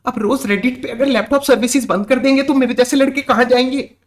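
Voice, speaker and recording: A man doing a whiny high incel guy. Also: steady tone, brisk. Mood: whiny pleading. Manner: whiny, pleading questions. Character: whiny young male online incel, pleading.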